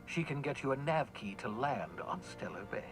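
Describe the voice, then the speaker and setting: An actor playing an eccentric, rambling colony scientist in a video game, offhand and darkly cheerful. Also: male voice, mid-range voice, expressive, normal speed, over music, close to an everyday voice, poor audio. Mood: scheming. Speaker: game character.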